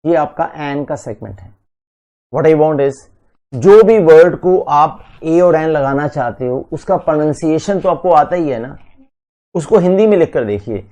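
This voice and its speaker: This is a male teacher, switching between Hindi and in a classroom lecture. He talks slowly and deliberately and keeps quizzing his listeners. His voice sits a little high but sounds dark and mellow. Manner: slow, deliberate, asks students questions. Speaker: English teacher for entrance exams.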